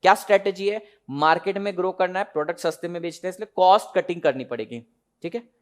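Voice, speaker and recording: A young man with a high voice gives a classroom lecture as an exam tutor. He explains concepts through humorous everyday examples and frequently puts questions to his students.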